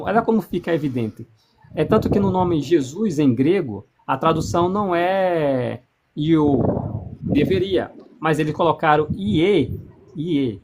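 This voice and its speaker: A man explains pronunciation in a casual discussion, often repeating and restarting words and spelling out sounds and letters. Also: fairly high pitch. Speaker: explaining speaker on divine name. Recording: noisy background hiss.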